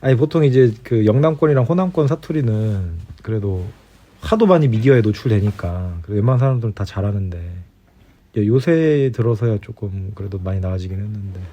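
In a dull, lo-fi home recording, a middle-aged man with a fairly low, dark-toned voice chats casually with his spouse at bedtime. His intonation is lively and his pace brisk, and he rambles easygoingly like a podcast host talking before bed.

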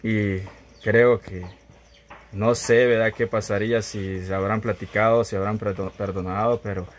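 A man with a fairly low voice hosts an earnest reflection, moralizing to viewers. He leans on tag questions as he talks. Faint noise sits under his voice. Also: steady tone, moderate pace. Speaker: host.

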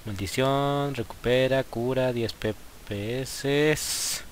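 A young gaming YouTuber with a Mexican Spanish accent does casual let's-play commentary, chatting with his viewers and often shouting out excitedly at the game. His voice is medium-pitched and slow, with background noise behind it.

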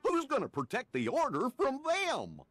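An actor playing a good-natured, goofy cartoon dog in a video game, dopey and drawling. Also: male voice, very high-pitched, wildly swooping pitch, moderate pace, music in the background, full character voice. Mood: affable.

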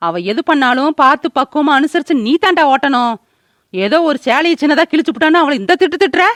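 Scolding old grandmother, cartoon, fast talker, dry booth sound. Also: sits high, lively intonation, fairly bright tone, dry recording. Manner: scolding, rapid-fire. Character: scolding old grandmother, sharp-tongued, sides with daughter. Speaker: mother-in-law. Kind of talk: cartoon voice acting.

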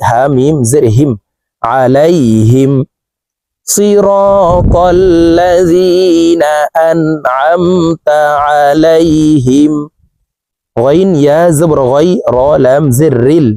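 A man teaching Quran recitation, spelling out each syllable and then chanting the words slowly and drawn out. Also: medium pitch, mellow, no room sound. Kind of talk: letter-by-letter recitation lesson.

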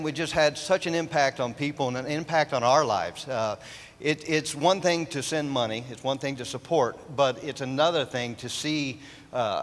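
A middle-aged man speaking to the congregation from a large church stage, halting with many fillers. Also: medium pitch, a bit bright. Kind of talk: church testimony. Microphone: handheld mic. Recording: long reverb of a large church.

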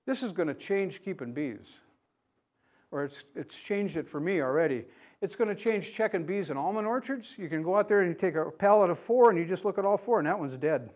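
This man's voice is high, expressive, brisk and slightly mellow. An American beekeeping speaker in his sixties, he delivers a straightforward conference talk in a classroom and asks his listeners questions as he goes.

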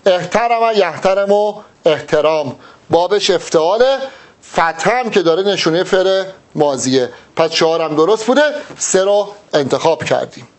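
A male Persian-speaking tutor with a high-set voice that climbs and drops a lot. He walks through each exam answer step by step and speaks straight to the student. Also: animated. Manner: explains step by step, addresses the student directly. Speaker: Arabic grammar teacher. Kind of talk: exam-prep lesson.

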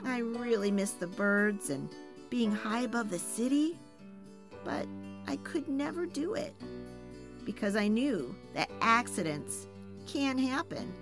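Woman reading a kids book out loud, bouncy up and down voice, unhurried, little laughs and sighs. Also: fairly high pitch, over music. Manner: animated first-person narration with soft laughs and sighs. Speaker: children's book reader. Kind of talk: expressive read-aloud storytelling.

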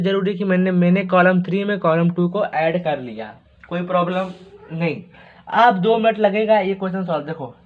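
A man teaching math, talking through each step in a chatty way and asking the class rhetorical questions. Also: sits high. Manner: chatty, asks rhetorical questions, repeats words. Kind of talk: explaining math steps on a board. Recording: tinny phone-like audio.

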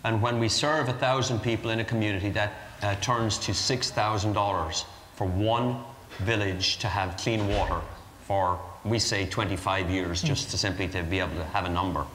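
An Irish man with a low voice speaks earnestly, explaining his charity work as a TV interview guest. His voice rings in a roomy hall with a long echo. Faint noise sits underneath. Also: fairly even intonation, normal speed, fairly bright tone. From Ireland. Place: community center before a live audience.

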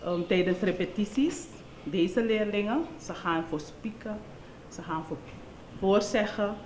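A woman's voice: mid-range voice, measured pace, a little mellow, lightly acted. An actress playing a polite, supportive female school principal who speaks formally. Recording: echoey room with faint noise.

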